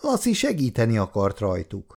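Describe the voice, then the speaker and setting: A man voicing a calm older father who gently reproves his wife and tries to ease tension. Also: lowish voice, gravelly, full character voice.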